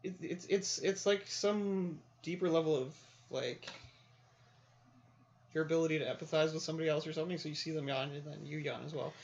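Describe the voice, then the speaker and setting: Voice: medium pitch, fairly quick, vocal fry, a little hiss or hum. A podcast co-host in casual chat who teases with dry jokes, on dull lo-fi audio.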